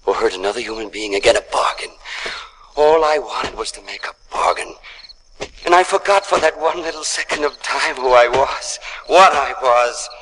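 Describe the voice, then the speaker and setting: A man performing a dramatic monologue as an anguished, lonely male monster, moving between hushed whispers and desperate shouts. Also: medium pitch, animated, moderate pace, natural voice. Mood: remorseful. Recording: noisy recording with clicks.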